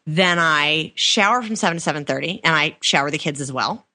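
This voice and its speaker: A woman's voice: low-pitched, lively intonation, brisk, bright, forceful tone. A woman in her thirties co-hosting a podcast, chatting casually in a wry, self-mocking way. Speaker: podcast co-host. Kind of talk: casual chat.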